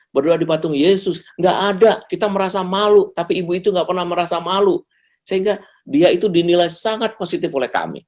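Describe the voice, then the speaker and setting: A man giving a lively seminar talk over a video call, acting out little dialogues with sudden jumps in pitch. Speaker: seminar speaker.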